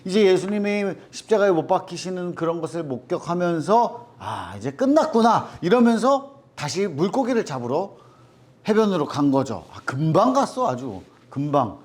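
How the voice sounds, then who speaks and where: A man leads a children's Bible lesson in a fairly high, very animated voice. He talks straight to the kids, quizzes them and acts out the quoted voices in the story. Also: moderate pace. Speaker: children's ministry teacher.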